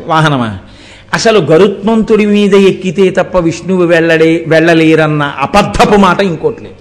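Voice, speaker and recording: A man's voice: sits high, fairly bright tone. A man delivering a devotional sermon, explaining through rhetorical questions and recited verses. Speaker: religious discourse speaker.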